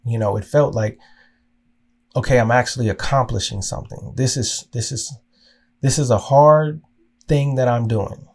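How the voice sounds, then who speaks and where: A man's voice: mid-range voice, moderate pace, a little mellow. A man from Oklahoma hosting a podcast, telling a personal story in an earnest, emotional way, often restarting and repeating words as he goes. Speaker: podcast host.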